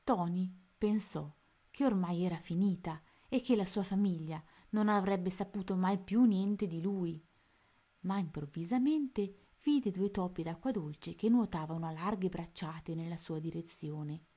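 A woman narrating a children's storybook aloud at a gentle, unhurried pace. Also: lowish voice, breathy edge. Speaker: reader of children's books.

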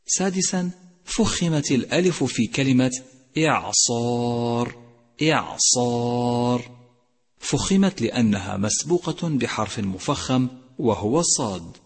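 A man teaching Quran recitation rules in a tajweed lesson, speaking slowly and deliberately and drawing out and chanting each example word. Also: mid-range voice, lively intonation, vocal fry, a little mellow, husky, long reverb tail. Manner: slow and deliberate, stretching and chanting the example words.

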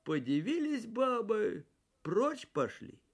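A man reading a folk tale aloud in a slow, singsong storybook manner. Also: high-pitched, big pitch swings. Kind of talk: storybook narration.

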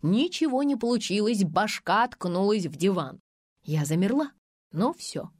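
Woman reading a funny audiobook, wry deadpan, lively voice, dry. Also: mid-range voice, measured pace, dry recording. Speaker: audiobook narrator. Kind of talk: first-person ironic audiobook narration.

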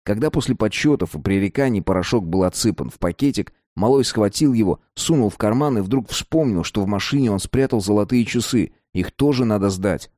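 A man's voice: lowish voice, a little fast, hardly any pauses, no room sound, clean studio sound. A man narrating a novel and voicing all its characters. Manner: expressive reading, voices all characters. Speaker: audiobook narrator. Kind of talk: scripted narration.

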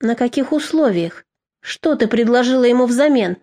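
A woman's voice: on the high side, expressive, normal speed, mellow, close to an everyday voice. A woman doing a fierce old grandmother. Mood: pleading.

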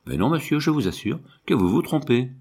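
A man's voice: medium pitch, very animated, brisk, a little mellow, husky, pitched above the performer's own voice. A man voicing a courteous, earnest widowed lady in a read-aloud novel. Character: polite, gracious widowed lady.

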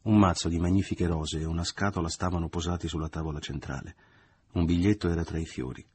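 A man narrating a novel in a measured literary reading. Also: low-pitched, steady tone, a little mellow, husky, dry recording. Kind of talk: audiobook reading.

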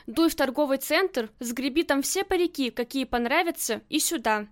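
A loving husband in an audiobook, tender with his wife and blunt with everyone else, as a woman reads him. The voice sits high and light. He barks short orders. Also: normal speed, close to an everyday voice. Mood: insistent. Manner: tender, then gruff and commanding. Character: adoring husband, gangland boss's man.

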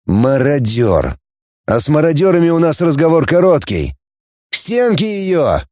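A gruff male space-fleet coordinator barks orders and sneers at the crowd, as a male audiobook narrator plays him. His voice is mellow and lively in pitch, with a tough, mocking edge. The sound is close and dry. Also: measured pace, no echo. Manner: barking orders, sarcastic.

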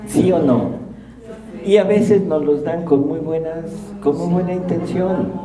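A man's voice: on the high side, measured pace, crowd noise. A man preaching in a humorous, conversational way, asking the audience questions as he goes. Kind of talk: sermon with audience interaction. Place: large room with live audience. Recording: roomy hall, mic at a distance.

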